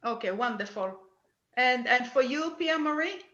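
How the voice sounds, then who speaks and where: A woman medium giving readings at a service, talking haltingly with many restarts and fillers. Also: on the high side, lively intonation, fairly bright tone, roomy sound, dull audio. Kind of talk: spirit mediumship demonstration.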